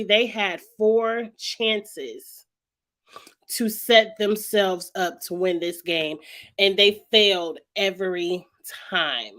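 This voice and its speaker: Hosting her vlog, this woman offers chatty, candid commentary on a reality TV show while saying hi to people watching live. She keeps clearing her throat, and her mid-pitched voice sounds rough, hoarse and weighty with a somewhat bright tone.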